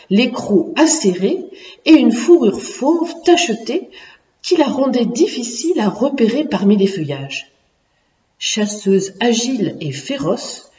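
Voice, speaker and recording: A woman narrating a children's storybook in an expressive, lively storytelling manner. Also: medium pitch. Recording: echoey room, distant muffled mic.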